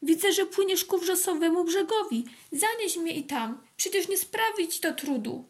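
A woman voicing a tiny, frightened female ant that pleads in a high, wistful voice. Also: expressive, normal speed. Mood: pleading.

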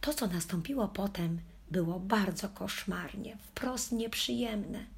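A woman reads a children's story in the voice of a mischievous puppy narrating in the first person, telling it with a wry touch. As an audiobook reader, she speaks slowly in a medium-pitched, husky voice with vocal fry.

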